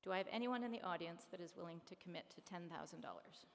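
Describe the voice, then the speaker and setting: A woman hosting a fundraising dinner, briskly calling auction bids and coaxing donations in an upbeat, persuasive way. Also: fairly low pitch. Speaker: charity auctioneer and fundraiser host. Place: large hall at an awards dinner. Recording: long reverb hall, faint room noise.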